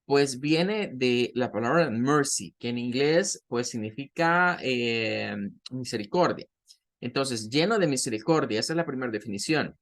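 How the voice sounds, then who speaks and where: A man teaching an English lesson in Spanish, slowly repeating words to drill their pronunciation and often asking "¿verdad?". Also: mid-range voice, animated, a bit bright. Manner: fills pauses with "¿verdad?".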